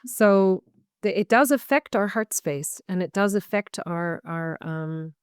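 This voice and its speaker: Speaking as a guest in a relaxed video call interview, a Canadian-accented woman who works as a medical intuitive talks earnestly and reflectively, her phrases long and searching. Her mid-range voice is smooth and unhurried, captured with clean studio sound and no echo.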